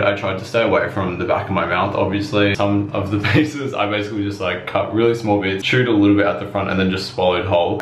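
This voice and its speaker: Young male vlogger, quick and chatty, speaking informally to camera over noticeable ambient noise. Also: fairly low pitch. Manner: chatty, informal, frequent filler 'like'. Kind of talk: casual video diary to camera.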